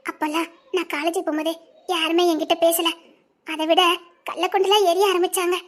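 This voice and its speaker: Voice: very high-pitched, level tone, brisk. A performer voicing an anxious young wife and former medical student with a Tirunelveli Tamil accent in a dubbed family drama, speaking with worry and earnestness. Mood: earnest. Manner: worried, earnest, talking plainly about past hurt.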